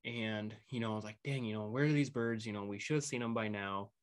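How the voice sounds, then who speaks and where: A man's voice: on the low side, quick pace, clean tone. A man co-hosting a podcast, telling a hunting story in a loose, rambling way with lots of fillers and restarts. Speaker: podcast co-host recounting his hunt. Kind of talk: casual storytelling.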